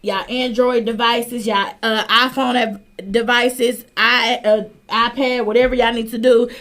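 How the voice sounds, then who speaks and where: A woman with a high voice runs a casual live internet radio show. She talks in an excited, rambling way, repeating herself and calling out listeners. She speaks into a close studio microphone. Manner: excitable, chatty, repeats herself, lots of shout-outs.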